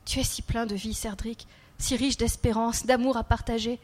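A woman voicing a small, calm, otherworldly boy child who speaks softly. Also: fairly high pitch, normal speed, natural voice. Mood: gentle.

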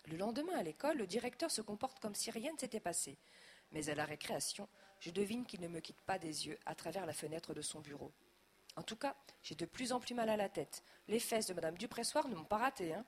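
A woman narrating a children's audiobook in a lively, expressive voice. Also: mid-range voice, slight background noise.

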